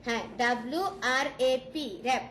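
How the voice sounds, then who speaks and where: A woman with a Bangladeshi Bengali accent teaching a design software class, checking in often with her students. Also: a little high, normal speed. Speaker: design tutor. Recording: echoey room with background noise.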